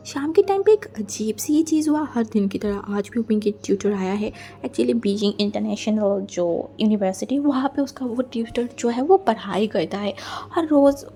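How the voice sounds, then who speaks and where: A woman's voice: a little high, mellow. A woman narrating a fan fiction story in a chatty, casual way, mixing in English words. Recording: faint background music.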